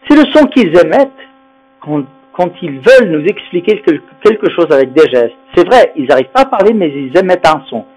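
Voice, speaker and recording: A man's voice: high-pitched, darkish tone, poor audio. A man teaching French phonetics, who explains patiently, repeats the sounds he models and keeps checking that the listener understands. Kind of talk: explanatory lesson.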